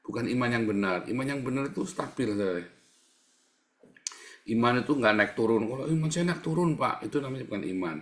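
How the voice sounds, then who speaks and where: A man's voice: mid-range voice, a little fast, long pauses, fairly bright tone. A male pastor giving a sermon in a joking, conversational way, often addressing the congregation directly.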